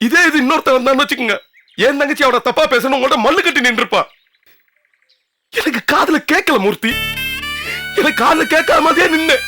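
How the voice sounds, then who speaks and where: A man's voice: extremely high pitch, fairly quick, pauses often, bright, forceful tone. An actor playing an older brother earnestly begging his sister's husband to take her back, in a TV serial. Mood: pleading. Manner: earnest, pleading. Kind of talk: TV serial acting. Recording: background score music. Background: background score music.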